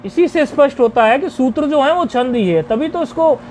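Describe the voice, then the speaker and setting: A man teaching a grammar lecture, explaining rules deliberately and chanting each rule syllable by syllable. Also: very high voice, expressive, darkish tone, a little hiss or hum.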